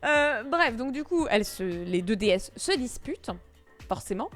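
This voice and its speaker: A woman's voice: on the high side, sing-song, moderate pace, fairly bright tone, soft background music. A woman streamer retelling a myth casually, full of slang and jokey asides. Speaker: streamer storyteller.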